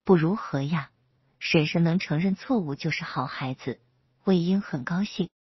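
A cheeky, earnest small boy cultivator from a storybook, prattling on about himself in the third person, as a woman reads him. The voice sits low and husky. It is a dry, dull recording. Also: normal speed, no echo.

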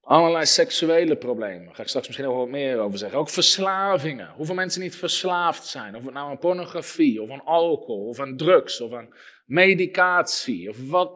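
A man preaching a sermon, emphatic, with sharp rises and drops in his voice. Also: on the high side, lively intonation, normal speed. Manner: emphatic, rising and dropping sharply for effect.

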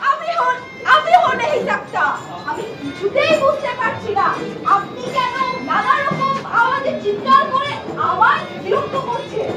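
Irritated jatra royal lady, shrill height, distant mic, loud music and crowd. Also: animated, unhurried, very echoey. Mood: annoyed. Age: young adult. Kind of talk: jatra folk theatre acting.

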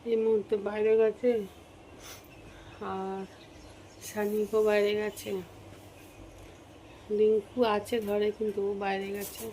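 A woman's voice: mid-range voice, completely flat delivery, slow, long pauses, mellow, slight background noise, rough recording. A woman vlogging casually to her viewers while cooking at home, a little unwell with a cold. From Bengal. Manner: chatty, talks to viewers while cooking and walking. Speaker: family vlogger.

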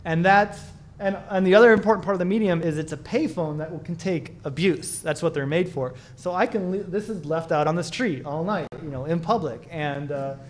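Man speaker at a small conference, slightly high voice, loose rambling delivery full of restarts. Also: brisk. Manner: rambling, many restarts and fillers. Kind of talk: casual conference talk and Q&A.

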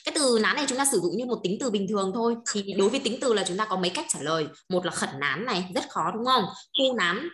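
In a roomy, echoing space, a Chinese teacher with a Northern Vietnamese accent leads her class patiently, frequently pausing for quick check-in questions. Her voice sits mid-range, expressive and fairly bright.

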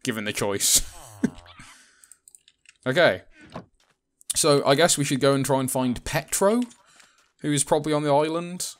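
A man's voice: fairly high pitch, unhurried, pauses often, a little hiss or hum. A British man co-hosting a casual let's-play, rambling and joking, laughing often and swearing casually. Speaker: gaming channel co-host.

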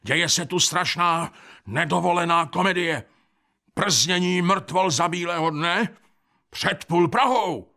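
A man voicing a pompous, excitable middle-aged saddler who blusters indignantly in a storybook reading. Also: medium pitch, vocal fry, husky, heavily acted.

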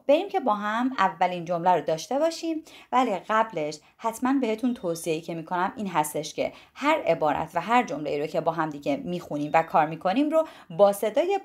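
A woman whose first language is Persian, teaching a language lesson in a low voice that moves a lot in pitch. She rushes through her explanations, then slows right down to repeat each English phrase clearly. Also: a little mellow.

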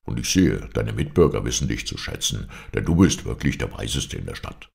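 A man voicing a calm, generous king speaking with measured dignity. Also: a bass voice, vocal fry, pitched below the performer's own voice, full character voice. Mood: gracious.

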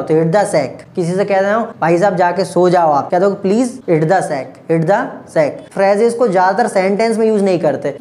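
A man teaching a spoken English lesson, repeating each phrase slowly and asking often whether the class has understood. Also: high-pitched, a little mellow.

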